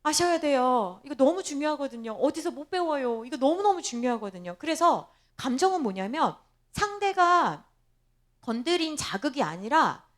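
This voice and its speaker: High, lively woman preaching a sermon. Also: moderate pace. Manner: preaching with many rhetorical questions to the congregation; emphatic and repetitive. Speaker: pastor.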